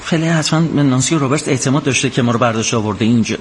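A man's voice: mid-range voice, background noise, lightly acted. A man dubbing a caring young man who speaks to his partner in a soothing, reassuring way. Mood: gentle. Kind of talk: dubbed film acting.

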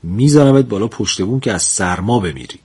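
A stern king from an old folk tale, speaking brusquely and with a mocking edge, as a male storyteller puts him on. The voice sits low and a little husky, close to the teller's own. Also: animated, a little mellow, full character voice.

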